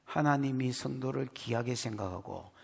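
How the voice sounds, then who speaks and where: A man's voice: medium pitch, normal speed, vocal fry, darkish tone, husky. A male pastor with a Gyeongsang accent preaching a sermon in an emphatic, folksy way, speaking straight to the congregation. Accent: Gyeongsang Korean. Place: church sanctuary. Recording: long reverb of a church hall.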